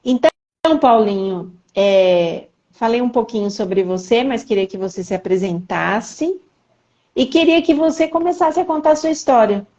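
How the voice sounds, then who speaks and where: A woman's voice: on the high side, normal speed, mellow, lo-fi sound. A woman hosting a live faith podcast, introducing her guest in an earnest, emotional and talkative way. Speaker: podcast host.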